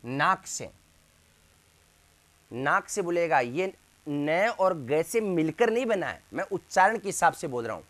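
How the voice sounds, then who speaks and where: A man teaching a Hindi grammar class in a slightly raised voice. He speaks slowly and deliberately, sounding out each letter and often asking the class a question before answering it himself. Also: fairly high pitch, lively intonation, fairly bright tone. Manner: drills sounds slowly, asks and answers his own questions. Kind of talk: classroom lesson.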